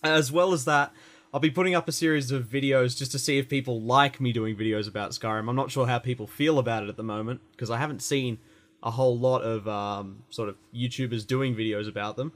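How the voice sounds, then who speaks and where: A man's voice: mid-range voice, fairly even intonation, fairly quick, a bit bright. A man hosting a casual gaming podcast, chatty and rambling, with fillers and self-corrections. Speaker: podcast host.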